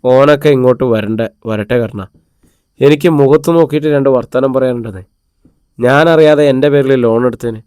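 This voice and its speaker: A man's voice: mid-range voice, fairly quick, a little mellow, clean tone, no room sound, lightly acted. A middle-aged tea-shop owner, aggrieved and blunt, who speaks his mind indignantly, as a male storyteller reads him. The recording is close and dry, in audiobook style.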